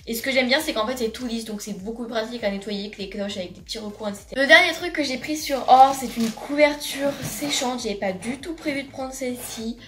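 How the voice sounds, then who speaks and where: A woman's voice: on the high side, fast, hardly any pauses, recorded from a distance. A teenage girl from France chatting in a casual haul vlog in her bedroom, gushing and filling her talk with fillers and restarts. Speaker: vlogger. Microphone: camera across the room. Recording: roomy bedroom sound from off-mic.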